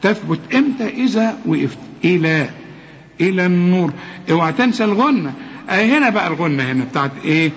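A man with an Egyptian accent teaching Quran recitation rules, asking and answering his own questions and drawing words out slowly to demonstrate. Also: high-pitched, sing-song, fairly bright tone, a little hiss or hum. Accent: Egyptian Arabic. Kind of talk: tajweed lesson. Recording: reverberant, dull lo-fi recording.

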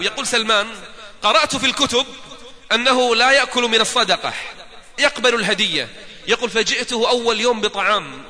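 A man with a very high-pitched, sharp voice preaches a sermon, retelling stories with quoted dialogue and throwing rhetorical questions at his listeners. A long hall reverb trails his words.

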